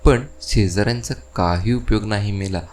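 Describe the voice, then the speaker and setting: A man reading as a sharp-tongued housewife. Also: lowish voice, normal speed, close to an everyday voice. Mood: indignant.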